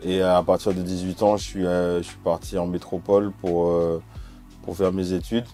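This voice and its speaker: A very deep, mellow-voiced man from Martinique, a music video director in his forties, talks in a relaxed and hesitant way, with many fillers and restarts. Faint music plays behind him. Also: normal speed. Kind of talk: relaxed interview chat.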